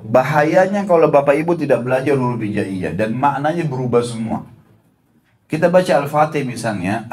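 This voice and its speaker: A middle-aged man preaching at a religious study session, with a voice of ordinary middle pitch. He talks straight to his listeners and often repeats himself. He slows down to sound out Arabic letters one by one. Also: a little mellow. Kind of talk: Islamic study lecture.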